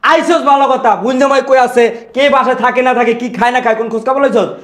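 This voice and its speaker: An actor playing a hot-tempered husband who rough-talks and scolds his wife and her relatives over his father. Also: very high voice, steady tone, very fast, reverberant. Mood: angry scolding. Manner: shouting, scolding, rough colloquial speech. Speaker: angry son defending his father.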